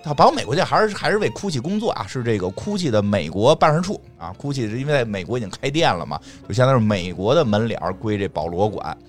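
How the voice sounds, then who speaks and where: A man's voice: medium pitch, fast, few pauses, faint music behind. A man co-hosting a podcast in casual chat, joking and acting out quotes. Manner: animated, joking, acts out quotes. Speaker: podcast co-host.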